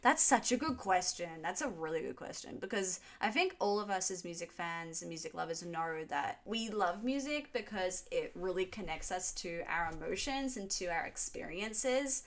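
A young Australian woman talking straight to a desk camera in a small room at home. She chats in a loose, animated way, hands moving as she talks, answering viewer questions like she's catching up with friends. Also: fairly low pitch, normal speed, few pauses. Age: 20s. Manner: chatty and animated, gesturing with her hands. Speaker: YouTube music reaction host. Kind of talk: casual Q&A vlog.

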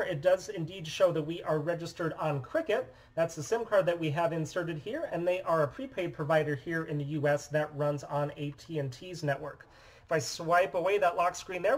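A man in his thirties from the United States, giving a steady, methodical explanation while demonstrating a phone at his desk in a small room. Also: fairly high pitch, low-quality recording. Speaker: phone repair business owner. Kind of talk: scripted product demonstration. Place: small indoor office room.

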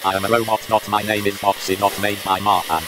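A synthetic male robot voice from a toy speaker, repeating clipped phrases in a flat monotone. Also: fairly low pitch, fast talker, background noise. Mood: mechanical.

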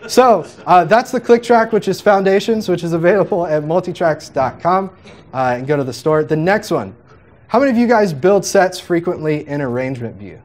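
A man leads a live workshop on music software, talking in an upbeat, jokey way. He explains each step casually and acts out little quoted exchanges to make his point. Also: sits high, animated, normal speed. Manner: upbeat, jokey, chatty teaching with quoted asides.

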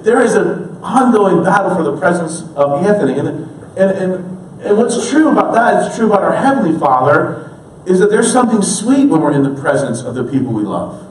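A man in his thirties preaching a sermon in an earnest way, moving between hushed, slow lines and emphatic ones. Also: high-pitched, very animated, a little hiss or hum. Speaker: pastor. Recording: roomy, distant church recording.

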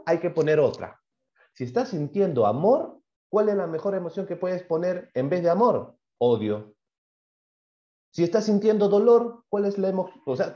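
Lively-voiced man teaching online. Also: on the high side. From Peru. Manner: asks questions and answers them himself; acts out short quoted voices in examples. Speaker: primary school science teacher. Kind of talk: online class lecture. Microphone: computer mic on a video call. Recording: dull lo-fi video-call audio.

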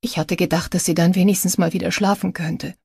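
A woman's voice: fairly low pitch, steady tone, fairly quick, vocal fry, a little mellow, husky, dry recording, clean studio sound, heavily acted. A woman reading an audiobook, voicing a grieving adult daughter who speaks in an earnest, strained way.

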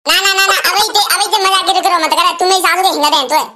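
Cartoon village bully: shrill, sharp-toned, Braj-accented, loud and threatening. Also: fairly even intonation, quick pace, slight background noise. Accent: Braj rural Hindi. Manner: loud, bossy, teasing, threatening. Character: boastful rowdy village man, comic braggart. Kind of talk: comic cartoon dialogue.

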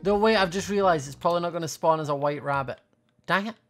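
A young woman talks fast in a lowish voice while hosting a gaming video, offering casual, playful commentary as she thinks aloud. Faint music can be heard in the background.

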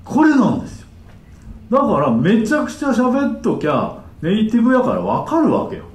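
A man giving a live seminar as a counselor, animated and demonstrative, chatting with his audience. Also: sits high, fairly quick. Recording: echoey hall, distant mic.

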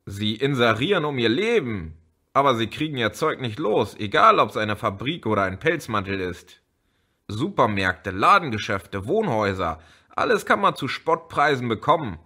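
A man's voice: medium pitch, sing-song, normal speed, pushed and bright, heavily acted. A man voicing an agitated, preachy teenage boy. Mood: indignant lecturing. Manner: heated, preachy, indignant. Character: agitated, lecturing teenage boy, bitter and gloomy. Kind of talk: audiobook character voice.

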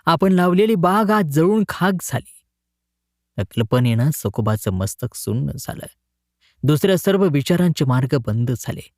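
Male storyteller, animated voice, somewhat high, dry close recording. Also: normal speed, no echo. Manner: expressive, dramatic reading. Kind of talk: scripted narration of a short story.

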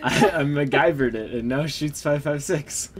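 A man chatting casually while gaming, excitable and teasing, laughing often, on a headset. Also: fairly high pitch, moderate pace, a crowd in the background. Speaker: gamer.

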